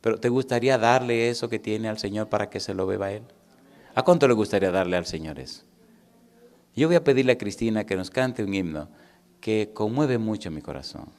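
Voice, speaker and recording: Middle-aged male pastor, sermon delivery, swings loud to hushed. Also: lowish voice, a little fast. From Caribbean. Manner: storytelling, swings from loud and animated to hushed and intimate; asks the congregation questions.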